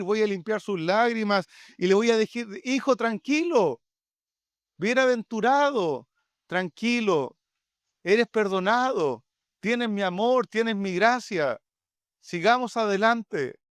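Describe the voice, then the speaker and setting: A man's voice: sits high, smooth, dry recording, clean studio sound. A man with a Chilean Spanish accent, a pastor preaching a sermon in an earnest, pleading way, often addressing his listeners directly.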